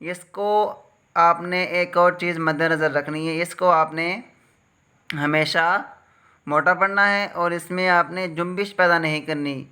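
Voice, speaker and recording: Slow, clear-voiced male Quran teacher. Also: a little high, fairly even intonation, bright, forceful tone. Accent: Pakistani Urdu. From Pakistan. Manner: patient, repeats and drags out letter sounds. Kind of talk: slow step-by-step recitation lesson.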